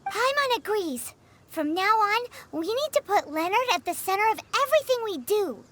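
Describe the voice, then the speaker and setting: A woman voicing a tiny, childlike, cheeky fairy companion with a squeaky voice in an overacted anime game dub. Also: very animated, moderate pace, background noise. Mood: eager, cheeky. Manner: squeaky, speaks of self in third person.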